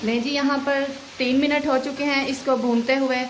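A woman's voice: high voice, normal speed, roomy sound, background noise. A woman, a cooking channel host, talking through a recipe step by step in a voice-over. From Pakistan. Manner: steady step-by-step instructions.

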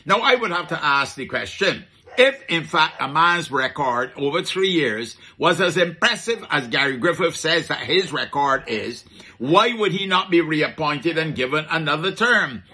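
A man's voice: fairly high pitch, expressive, moderate pace, bright, forceful tone, slightly rough. A middle-aged man with a Barbadian accent giving chatty comic commentary in a market vendor persona, full of rhetorical questions and dialect asides.

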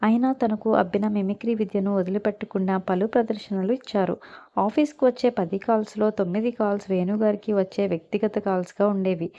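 Mellow-voiced woman reading a biography. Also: mid-range voice, a little fast, lo-fi sound. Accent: Telugu. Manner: steady, even read-aloud delivery. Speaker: narrator. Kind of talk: scripted biography narration.

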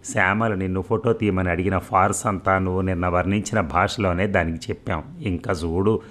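Male reader as teasing young woman, low-pitched, audiobook novel. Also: steady tone, brisk, a bit bright.

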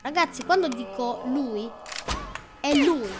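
A gameplay creator giving casual, jokey commentary over a shooter game, often yelling at the screen and dropping to a whisper when hiding. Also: female voice, sits high, slow, over music. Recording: loud gunfire from the game behind.

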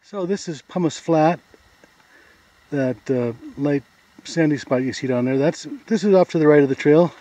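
An American man narrating his forest trail hike for a video has a warm voice on the high side and talks at normal speed. His manner is easygoing and plain as he points out sights along the way, all recorded in dull, lo-fi camera audio.

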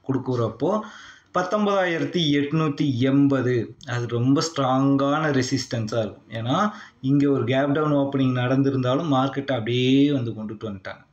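Man, Tamil accent, trading lesson voice-over, explanatory, reads out price figures, checks in with the listener, echoey room, muffled sound. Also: medium pitch. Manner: reads out long price figures in a steady list. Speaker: stock market trading teacher. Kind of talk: screen-recorded chart lesson. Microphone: voice-over on a screen recording.

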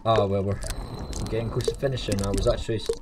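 Man playing a low-voiced, hesitant rookie game narrator, noisy track. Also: steady tone, fast, natural voice. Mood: awkward, wistful. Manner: hesitant, self-deprecating, bumbling. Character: awkward, unsure rookie male narrator guiding the player.

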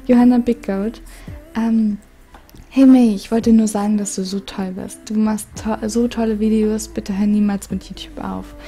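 A woman YouTuber with a calm, soothing voice, casually reading viewer letters aloud and giggling often. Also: medium pitch, normal speed, breathy edge, soft background music. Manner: giggly, reads letters aloud with frequent laughs. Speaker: gaming YouTuber.

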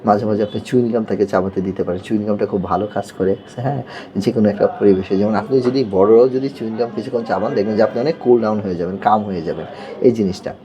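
A man's voice: lowish voice, quick pace, warm tone, lo-fi sound. A man, an occupational therapist patiently explaining techniques to parents and checking they follow. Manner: patient, repeats "yes" and checks "okay?".

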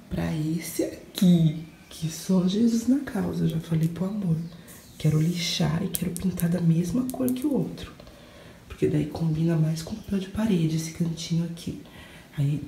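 Home vlogger, Brazilian woman, low-pitched and dark, murmuring with excitement; echoey room, faint hiss. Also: vocal fry. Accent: Brazilian Portuguese. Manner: hushed, gushing, repeats words for emphasis. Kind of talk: casual home vlog. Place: home kitchen early morning.

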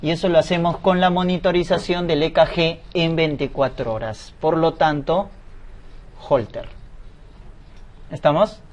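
A man leads a lecture through medical exam questions. He asks a question, pauses, then answers it himself in an explanatory teaching manner. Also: on the high side.

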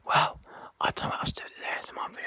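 A vlogger doing a joking mock ASMR clip, whispering loudly and goofily into a phone held close, mocking themselves as they go. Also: racing. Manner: loud exaggerated whispering; goofy, self-mocking.

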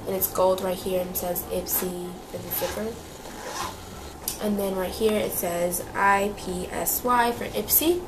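A young beauty vlogger, a little nasal from a cold, chats casually while reviewing beauty products in a small room. Her mid-range voice keeps a fairly even intonation at an unhurried pace, with plenty of fillers and repeats, and the background is noisy.

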